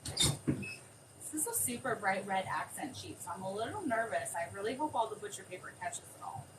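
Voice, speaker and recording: A woman demonstrating a craft on a live stream, chatting excitably and thinking aloud as she works. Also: medium pitch, normal speed. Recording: distant mic with clear background noise.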